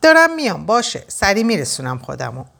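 A woman's voice: mid-range voice, huge pitch swings, vocal fry, a bit bright, voice pushed up, exaggerated voice. A woman voicing an agitated young man in a desperate hurry, urgent and exasperated.

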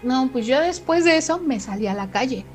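A woman's voice: high-pitched, expressive, brisk, soft background music, poor audio. A middle-aged woman with a Mexican accent tells a story in casual chat and acts out the quoted dialogue in shifting voices.

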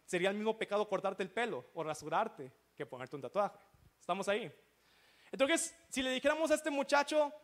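A man preaching a sermon as pastor, often checking in with the congregation. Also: sits high.

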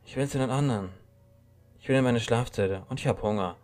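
A man's voice: on the low side, a little fast, a little mellow, slightly rough, faint music behind, pitched above the performer's own voice. A man voicing a confused young man who is frightened and defiant. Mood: anxious, defiant. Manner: anxious, defiant.

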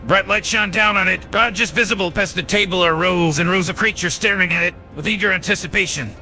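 A man's voice: high-pitched, brisk, sharp tone, soft background music. A man reading scripted fantasy adventure narration. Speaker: scene narrator.

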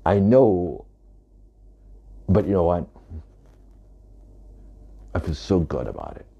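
Very deep gravelly man, emphatic. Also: huge pitch swings, takes it slowly, dull audio. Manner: emphatic, repeating points. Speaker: author. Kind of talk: talking to camera about his book.

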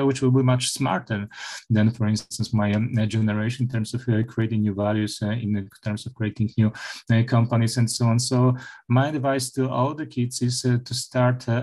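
Middle-aged male professor, halting interview answers full of fillers. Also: medium pitch, darkish tone. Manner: hesitant, many filler sounds and restarts. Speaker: university professor, interview guest.

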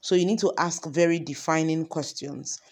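A woman with a low-sitting voice speaks at a moderate pace while giving an informal parenting lesson. She talks conversationally, asking lots of example questions and often saying "um" and "you know."

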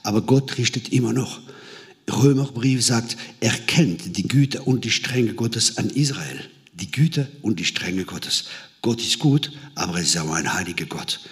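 A man's voice: lowish voice, unhurried. Man preaching a sermon. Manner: animated storytelling, quotes people in changed voices.

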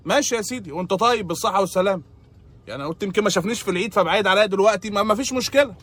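A man's voice: sits high, rapid-fire, a bit bright. A man with an Egyptian accent, delivering a comedic monologue in an exasperated, sarcastic complaining tone. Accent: Egyptian Arabic.

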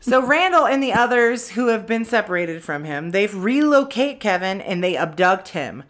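A woman's voice: mid-range voice, big pitch swings, moderate pace, a bit bright. A woman co-hosting a podcast, casually recapping a film's plot, swearing freely and adding wry asides. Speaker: podcast co-host.

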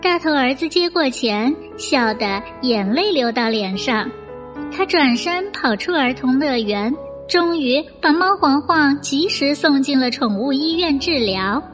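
Woman, high voice, coaxing bedtime storyteller, gentle fireside storytelling, reverberant, music behind. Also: lively intonation, measured pace. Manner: coaxing, addressing young listeners as little darlings. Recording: long reverb with music bed.

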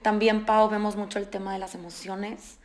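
A woman's voice: medium pitch, moderate pace. A woman nutritionist, explaining in casual podcast conversation and acting out her patients' words. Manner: animated, explanatory, acts out patients' quotes.

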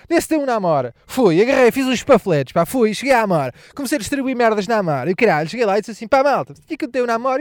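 High-voiced Portuguese man ranting crudely. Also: no room sound, studio quality. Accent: European Portuguese. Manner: profane, rambling, mocking impressions. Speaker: podcast host. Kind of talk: casual comedic podcast rant.

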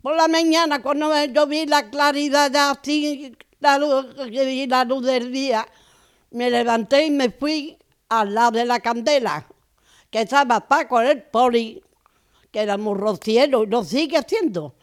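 A woman's voice: sits high, a little slow, clear, resonant tone. An older woman with an Andalusian accent, a podcast guest who tells personal stories and acts out the people in them. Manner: lively, acts out the voices in her stories. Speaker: interview guest. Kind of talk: anecdotal storytelling.

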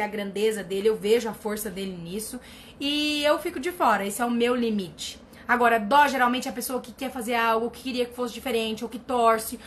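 A woman's voice: a little high, slight background noise. A woman therapist giving blunt, emphatic advice in a casual chat, often repeating herself for stress. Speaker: family constellation therapist answering viewer questions. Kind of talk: casual live advice reading comments.

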